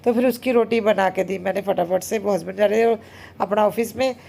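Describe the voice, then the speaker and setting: A woman in her thirties narrates her home vlog in a casual, chatty way. She talks very fast and keeps dropping little fillers as she goes. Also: mid-range voice, fairly even intonation, vocal fry, mellow. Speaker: homemaker vlogger.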